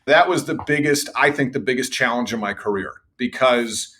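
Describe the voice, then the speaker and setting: A middle-aged revenue executive, guesting on a podcast, confidently shares stories from his sales career. His medium-pitched voice keeps a moderate pace, and he mentions that he has a loud voice.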